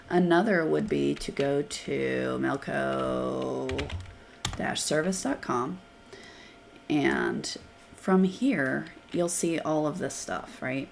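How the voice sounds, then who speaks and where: A sick woman whose hoarse voice sits very low and gravelly hosts a live software Q&A. She talks casually and thinks aloud as she clicks through screens, over a faint hiss from a computer mic. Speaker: software trainer hosting a live Q&A.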